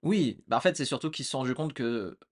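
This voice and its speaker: A young man co-hosting a podcast, chatting at an easy pace and feeling his way through each thought. He leans on fillers and restarts, and his voice sits at an ordinary middle pitch. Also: fairly quick. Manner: relaxed, hesitant, many fillers. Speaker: podcast co-host. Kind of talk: casual chat.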